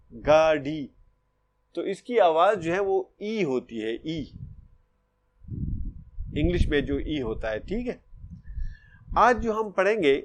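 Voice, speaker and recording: A man gives an online lesson to young children in a slightly raised voice. He talks slowly and patiently, repeating each step and stopping to ask whether the class has understood. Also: fairly high pitch. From Pakistan. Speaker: primary school Urdu teacher.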